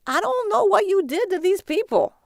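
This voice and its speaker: A man's voice: very high voice, very animated, normal speed, gravelly, no echo, studio quality, pitched above the performer's own voice, heavily acted. A woman voicing a chatty, folksy middle-aged male cab driver who talks boisterously. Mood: pushy. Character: gruff cheerful male cabbie, middle-aged.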